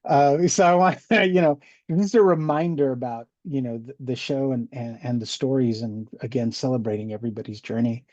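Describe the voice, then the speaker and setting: A man hosting a podcast, talking in a rambling, halting way and repeating words as he introduces his guest. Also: medium pitch, fairly even intonation, a little mellow, no echo. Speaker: podcast host. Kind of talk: casual interview. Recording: dull, dry lo-fi recording.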